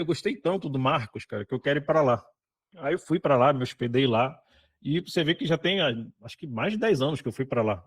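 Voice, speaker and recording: A man giving a conversational lecture at a hospitality conference, often adding tag questions. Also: medium pitch.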